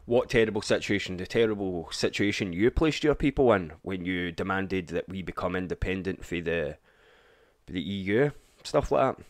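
A man's voice: sits low, lively intonation, normal speed, dry recording. A Scottish man ranting sarcastically over a political clip, swearing and mocking as he reacts. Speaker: commentary vlogger.

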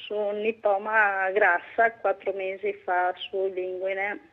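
A woman calling in to a health show over the phone, asking a question in halting, hesitant speech. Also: medium pitch, little pitch movement. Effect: phone line. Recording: tinny phone-line audio.

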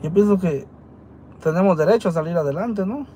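A man's voice: sits high, brisk, warm tone, slight background noise. A man from Guatemala with a Guatemalan Spanish accent, telling his side of a story to camera in an earnest, defensive way and often stopping to rephrase. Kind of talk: casual talk to camera. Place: dental clinic waiting area.

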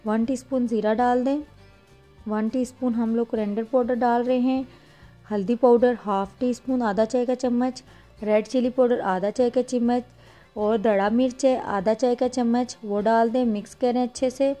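A woman talks the viewer through a home recipe, one plain step at a time. Her voice sits a little high but sounds mellow and soft. Light background music plays under the voice-over. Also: steady tone, moderate pace. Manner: plain step-by-step instruction with restarts. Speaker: cooking channel host. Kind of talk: voice-over cooking tutorial.

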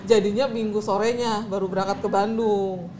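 A woman's voice: mid-range voice, normal speed, slight background noise. A middle-aged woman, a talk-show guest retelling her marriage story animatedly. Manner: animated, acts out quoted voices. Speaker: interview guest.

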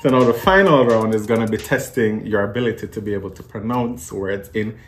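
A man with a Jamaican accent chatting casually as he explains things, in an animated, teasing way. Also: lowish voice, a little fast, faint music behind. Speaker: host quizzing a guest.

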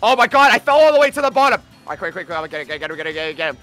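Arrogant, exasperated cartoon hedgehog, played by a man, high and very animated, griping over gameplay with music behind. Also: rapid-fire, exaggerated voice. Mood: aggrieved. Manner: whiny, exasperated, sarcastic complaining. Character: Shadow, irritable, arrogant male cartoon hedgehog. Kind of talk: comedic in-character gameplay commentary.

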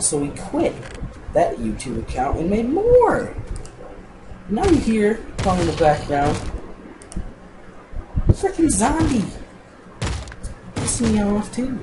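A young man narrating his block-game footage in a casual, annoyed, rambling way, swearing as he talks. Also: sits high. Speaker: gameplay narrator. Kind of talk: casual let's-play narration. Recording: noisy recording.

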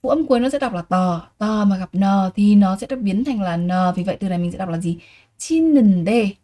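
A woman's voice: mid-range voice, fast talker, mellow. A woman teaching a vocabulary lesson, repeating each word and asking her students rhetorical questions. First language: Vietnamese. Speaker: Korean language teacher.

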